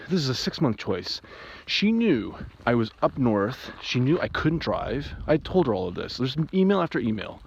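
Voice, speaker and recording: A separated father giving an emotional personal monologue, agitated and rambling, with restarts and sudden jumps in pitch. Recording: muffled, with faint background hiss.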